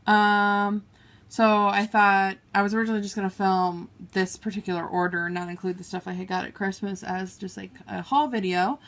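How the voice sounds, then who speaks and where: A woman beauty vlogger, with a mid-range and fairly bright voice, keeps a steady tone at normal speed as she casually chats through a makeup haul. She swatches shades on her arm and apologizes for mispronouncing names, captured by a tabletop camera filming her hands.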